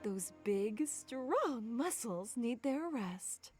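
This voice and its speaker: Sweet motherly game character, high voice, slow n tender, music behind. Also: expressive. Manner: tender, soft-spoken, polite. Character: gentle, affectionate, motherly female sweetheart. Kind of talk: game voice acting.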